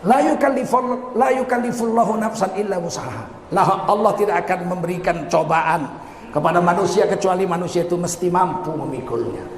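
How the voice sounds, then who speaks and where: A man from Indonesia preaching a humorous sermon, telling the story with lively asides and acted-out quotes. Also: high-pitched, a little fast, roomy sound, in a large hall.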